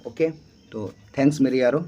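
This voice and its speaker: A man's voice: medium pitch, normal speed, dark tone, muffled recording, slight background noise. A young man giving a spoken English lesson, patiently repeating each point and answering his own questions. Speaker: teacher.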